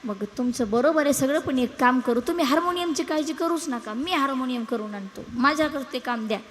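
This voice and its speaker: A young woman from Maharashtra with a rural Marathwada accent, telling a comic devotional story as a kirtan preacher and acting out village characters in quick dialogue. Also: high voice, a little hiss or hum. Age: young adult. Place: live kirtan gathering. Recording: long hall reverb from a live stage.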